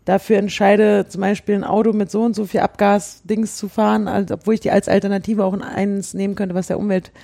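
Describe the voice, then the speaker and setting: Mellow-voiced woman chatting earnestly. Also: mid-range voice, level tone, fairly quick, creaky, few pauses. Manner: earnest, explaining, hesitant restarts. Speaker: show host. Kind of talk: casual chat.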